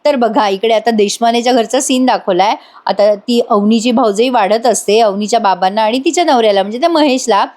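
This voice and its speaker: A woman's voice: a little high, brisk, few pauses, darkish tone. A woman hosting a casual voice-over recap, chatty and storytelling, talking straight to her viewers. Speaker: serial review host.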